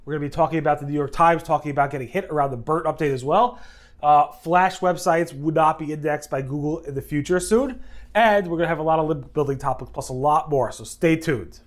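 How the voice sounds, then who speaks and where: This news-recap video is hosted by a man whose head cold leaves him audibly congested, his pitch on the high side. He talks casually and in a rambling way, repeatedly fixing his wording and slipping in quick asides.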